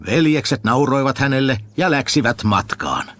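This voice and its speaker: A man narrating a fairy tale with a very expressive reading. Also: mid-range voice. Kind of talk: storybook narration. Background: faint music.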